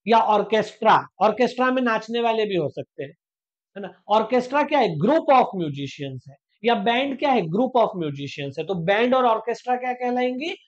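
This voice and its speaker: A teacher giving an online exam-prep grammar lecture. They ask rhetorical questions and answer them, repeat each point step by step, and slow down to stress English definitions. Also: mid-range voice, lo-fi sound.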